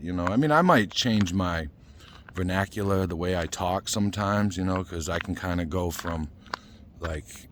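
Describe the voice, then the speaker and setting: In his fifties and speaking with a Boston accent, this Boston vlogger rambles casually in a talking-head video, relying on "you know" fillers while a little winded after running. His voice is low-pitched, and the background is noisy.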